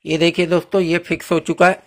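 Male host, high voice, casual how-to demo. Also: flat delivery, fast talker. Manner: friendly instructional, repeats "जी हाँ दोस्तों". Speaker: channel host demonstrating a car washer.

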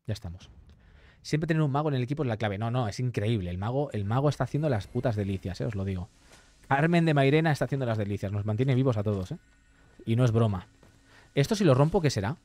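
A man's voice: medium pitch, animated, fast, a little mellow. A young man streaming a game live, chatting with viewers, reading their messages aloud and swearing often. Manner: chatty, swears often, reads and answers chat. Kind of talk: live gameplay commentary.

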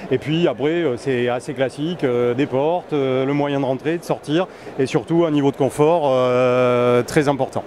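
A man in his forties, a sales manager answering interview questions in a measured, hesitant way with many filler sounds, recorded on a handheld mic. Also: mid-range voice, steady tone. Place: busy indoor trade-show hall. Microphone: handheld interviewer mic close up. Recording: clear crowd hall noise behind.

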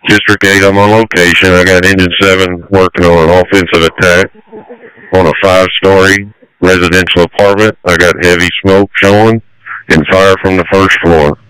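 Casting: male fire chief on two-way radio, low forceful voice, urgent clipped commands. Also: little pitch movement, moderate pace, clean tone, no echo, poor audio. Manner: terse, directive, urgent.

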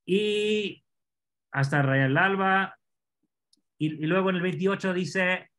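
A man teaching an online scripture class, explaining Hebrew words slowly and asking his students questions. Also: high-pitched, a bit bright.

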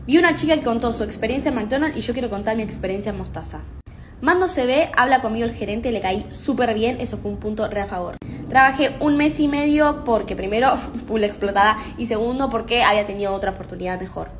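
A young woman with an Argentine accent telling a work story in a rapid, chatty, slangy way. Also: on the high side, a little hiss or hum. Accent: Argentine Spanish. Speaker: TikTok storyteller. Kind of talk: casual storytime monologue.

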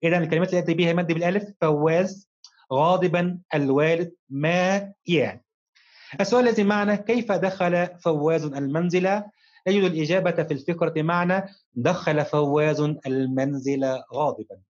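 A man teaching a recorded primary-school lesson, addressing his pupils fondly and slowing down to read examples word by word. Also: sits high. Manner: slow, careful dictation-style reading of examples. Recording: dull, lo-fi recording.

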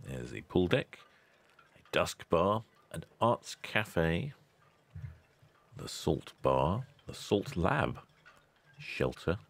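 Deep-voiced man narrating ship footage. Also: big pitch swings, very slow, gravelly, pauses often. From England. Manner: chatty, dry asides, loud cheery greetings. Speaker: ship-spotting channel host. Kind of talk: relaxed voice-over narration.

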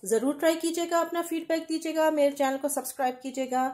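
A woman hosting a home cooking channel, calmly explaining each recipe step to viewers in a voice-over. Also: high-pitched, fast, reverberant. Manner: calm step-by-step explaining, addresses viewers directly. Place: home kitchen.

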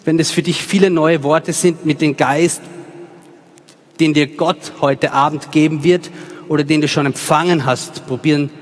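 A man's voice: fairly high pitch, fairly even intonation, normal speed. A man in his thirties from Salzburg with an Austrian accent, giving a chatty, informal personal sermon with many fillers on stage in a large church. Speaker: preacher. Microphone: handheld mic. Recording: long church reverb.

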